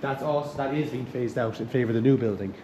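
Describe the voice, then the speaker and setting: Recorded outdoors over clear traffic and street noise, a young man leads an informal walking tour. His voice sits at an average pitch. He explains things in a chatty, enthusiastic, loosely phrased way, like a student guide. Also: fast talker. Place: outdoors, walking around a campus. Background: clear urban ambience and traffic noise.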